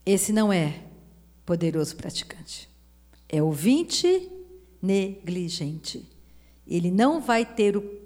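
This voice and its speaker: A woman's voice: medium pitch, warm tone. A woman preaching a fervent sermon, acting out the voices of people she quotes. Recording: long reverb of a hall.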